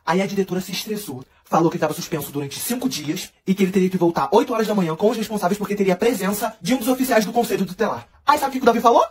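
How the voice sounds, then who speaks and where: High-voiced teen boy rattling off a story. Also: a little hiss or hum. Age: teenager. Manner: animated, dramatic, rapid narration. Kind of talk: fast comic school storytelling.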